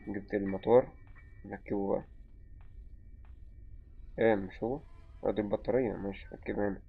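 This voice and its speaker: Egyptian man, lowish voice, running let's-play chatter with sudden yelps, muffled lo-fi sound. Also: fairly even intonation, brisk, gravelly, a little hiss or hum. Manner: mutters to himself, bursts into yelps when startled. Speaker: gaming channel host. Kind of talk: live let's-play commentary. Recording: muffled lo-fi recording with faint game music.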